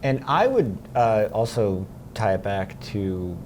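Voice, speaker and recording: A fairly low-pitched man leads the conversation as host. He asks his questions haltingly, restarting phrases, with a faint hum of noise behind him. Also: big pitch swings, darkish tone. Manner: hesitant, restarting, "um" fillers. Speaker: interviewer, host. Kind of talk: conversational interview.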